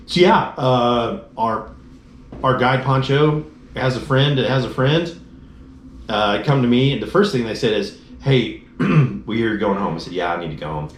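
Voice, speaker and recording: A man's voice: mid-range voice, moderate pace. A man casually recounting his motorcycle crash and trip home, acting out the voices of the people in his story. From Dallas-Fort Worth area, Texas. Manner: animated storyteller, acts out quoted dialogue. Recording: roomy echoey room, faint noise.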